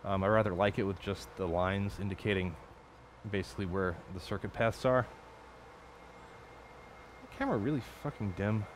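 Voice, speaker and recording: There's slight background noise as an adult man with a lowish voice talks at normal speed, pausing often. Building electronics late at night at his home workbench for his stream, he rambles casually, swears and corrects himself.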